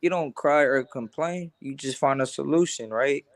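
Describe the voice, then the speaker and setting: Raised between Los Angeles and Honduras, this young boxer talks earnestly yet casually in an interview, with a mid-range voice at a moderate pace. Starting a thought, he frequently repeats words.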